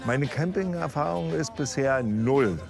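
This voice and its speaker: A man's voice: on the high side, lively intonation, a little slow, vocal fry. A man bantering casually and teasingly as a participant in a reality show. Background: music.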